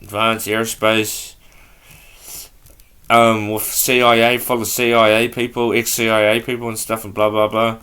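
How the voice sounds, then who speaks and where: A man hosting a podcast speaks slowly in a fairly low voice with a bright, forward edge to it. He reads aloud from notes in a halting, offhand way and trips over unfamiliar words. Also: flat delivery, smooth. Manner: halting, stumbles over words while reading; offhand and loose. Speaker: podcast host. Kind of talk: casual talk, reading aloud from notes.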